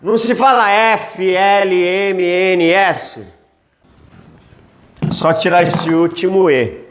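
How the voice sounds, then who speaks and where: A woman teaching a basic English lesson, slowly drilling letters and sounds for the listener to repeat. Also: lowish voice, slight background noise. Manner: slow, drilling letters for repetition.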